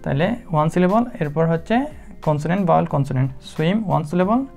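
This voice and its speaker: A woman teaching English spelling rules, slow and methodical, spelling words out letter by letter with frequent hesitations. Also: low-pitched, animated, gravelly, warm tone, faint music behind. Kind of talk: spelling lesson explained in Bengali.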